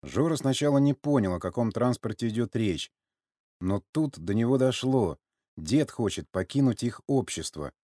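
A man's voice: medium pitch, expressive, normal speed, dark tone, no room sound, studio quality. A man reading an audiobook as narrator, telling the story steadily.

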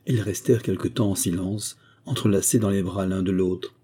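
A man narrating a classic novel as an audiobook, reading in a measured, steady way. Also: low voice, husky.

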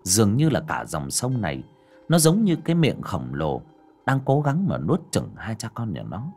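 A man narrating a dramatic audiobook story, swinging between loud and hushed delivery. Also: fairly low pitch, huge pitch swings, normal speed, slightly rough, soft background music.

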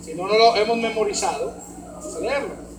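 A man's voice: high-pitched, fairly quick. Mexican male pastor, emphatic sermon, roomy hall with faint hiss. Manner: swings from hushed to loud, emphatic preaching. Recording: roomy hall echo, faint background noise.

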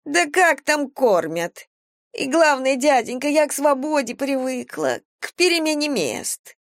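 A sly, whining homeless woman, as a woman reader puts her on, her voice pitched well above normal and swinging into pleading wails. She wheedles and bargains like a street hustler in an audiobook. The recording is dry and close. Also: big pitch swings, a little slow, dry recording, full character voice. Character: whiny cunning homeless woman, middle-aged. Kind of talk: audiobook character voice.

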